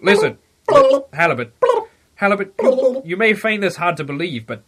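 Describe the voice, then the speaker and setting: A man's voice: high voice, sing-song, normal speed, fairly bright tone, exaggerated voice. A man playing an earnest, heroic male fish newspaper editor in a comedy audio drama, with an overwrought, melodramatic delivery. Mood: dreamy.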